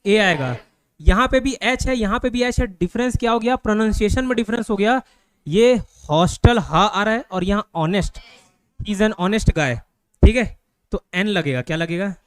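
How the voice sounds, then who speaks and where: A man from India teaching a grammar class to students in a classroom, constantly checking that they follow with quick questions. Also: high voice, clean tone, dry recording.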